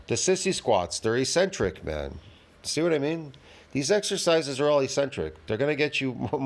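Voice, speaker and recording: Brash, animated man arguing his point. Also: mid-range voice. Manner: brash and argumentative, swears freely. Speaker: reaction commentator. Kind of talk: blunt casual commentary.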